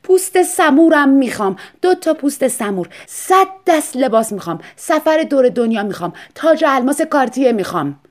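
A woman doing a shrill, demanding rich woman writer. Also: very animated, few pauses.

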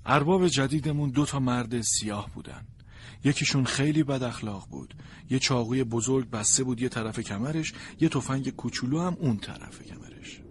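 A man narrates a storybook from a sled dog's point of view, in an expressive, plaintive way. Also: medium pitch, a little hiss or hum.

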